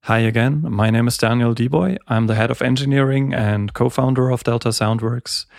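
A man from Germany speaking as an audio engineer guest in an interview, calm and measured, pausing with ums. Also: medium pitch, creaky, dry recording, clean studio sound. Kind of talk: casual interview talk.

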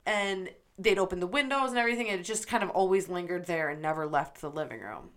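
A woman's voice: lowish voice, fast. A woman from upstate New York, co-hosting a podcast, telling a ghost story casually and animatedly, with lots of swearing and acted-out quotes. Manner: animated, profane retelling with quoted voices. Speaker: podcast co-host.

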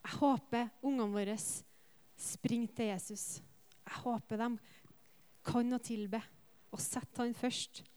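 Woman preacher, smooth clear voice a touch high, earnest sermon with lively anecdotes. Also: pauses often. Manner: rhetorical questions to the congregation. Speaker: preacher and worship leader.

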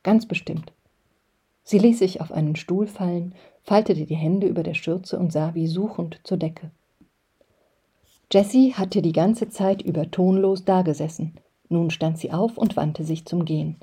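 Give me a woman narrating an audiobook in a calm, measured way, with a dark mellow voice. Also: lowish voice, slightly rough. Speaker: reader.

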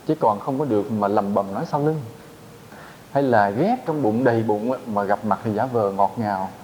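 A man's voice: medium pitch, darkish tone, a little hiss or hum, low-quality recording. A man, a Buddhist monk giving a dharma talk to fellow monks, teaching in a plain conversational way with rhetorical questions.

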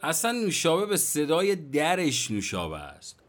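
An actor playing a chatty, complaining, nostalgic middle-aged taxi driver with a Tehrani accent and colloquial street slang. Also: male voice, a little high, huge pitch swings, fairly bright tone, faint music behind.

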